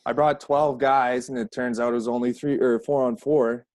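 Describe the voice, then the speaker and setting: A man's voice: mid-range voice, steady tone, moderate pace, a little mellow, no room sound. A man from Alberta, Canada, a guest hockey player, telling rambling stories in casual podcast chat and swearing constantly.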